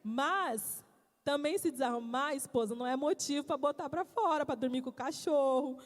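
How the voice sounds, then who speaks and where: High-voiced woman preaching in a church. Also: normal speed. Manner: animated, storytelling, laughs often. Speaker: pastor's wife preaching. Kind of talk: church sermon on marriage. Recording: church hall reverb.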